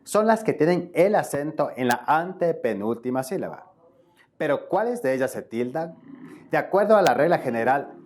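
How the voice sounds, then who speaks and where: Man explaining spelling rules step by step. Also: medium pitch. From Ecuador. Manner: explains step by step, often checks in with viewers. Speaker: spelling tutor. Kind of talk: video tutorial lesson.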